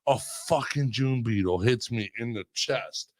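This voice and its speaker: Animated, foul-mouthed man telling stories. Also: mid-range voice, measured pace. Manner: animated storyteller, swearing, loud yelps when acting out scares. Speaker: podcast host. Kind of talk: casual podcast chat.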